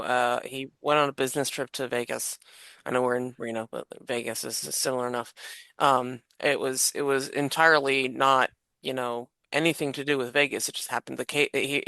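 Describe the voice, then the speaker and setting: A woman's voice: extremely low pitch, creaky, fairly bright tone, no echo, studio quality. A woman co-hosting a podcast, chatting casually over a movie with friends and rambling with frequent restarts. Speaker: podcast co-host. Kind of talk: casual movie commentary chat.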